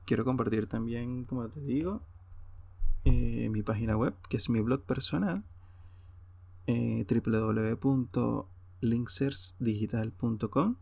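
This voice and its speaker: This man hosts a solo podcast and talks off the cuff in a Venezuelan Spanish accent, hesitant, informal and rambling. His mid-range voice is slow, gravelly and dark, recorded dry.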